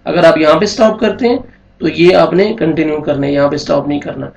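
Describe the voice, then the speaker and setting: A man's voice: a little high, steady tone, vocal fry, reverberant. A man teaching Quran recitation rules, explaining each sound patiently step by step. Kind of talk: tajweed lesson.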